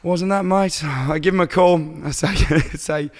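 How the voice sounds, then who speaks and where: An Australian man co-hosting a podcast, telling stories in a relaxed way and laughing often. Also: fairly high pitch, unhurried, in a large hall. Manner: laid-back storytelling, laughing often. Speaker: podcast co-host. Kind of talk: casual chat.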